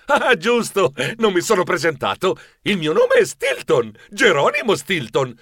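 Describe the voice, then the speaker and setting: Animated, high-voiced male audiobook narrator. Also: moderate pace, husky, no room sound, studio quality. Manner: playful, very animated, in the voice of the hero.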